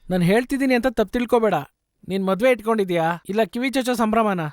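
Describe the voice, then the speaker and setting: Man voicing a blunt relative, high voice, rapid talk, dry sound. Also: lightly acted. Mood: foreboding.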